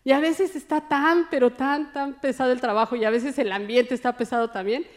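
A woman preaches warmly and playfully, mixing jokes into her sermon. She keeps turning to her listeners as brothers and sisters and swings between soft asides and loud, rousing appeals. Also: high voice, a little fast. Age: adult, married. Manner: jokey and animated, often calls listeners brother. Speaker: lay preacher.

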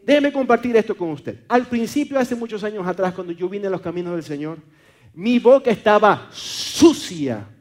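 A man's voice: sits high, animated, moderate pace. A man from Maracaibo with a Venezuelan accent, preaching a sermon, often repeating words and stumbling on fillers as he calls listeners brother.

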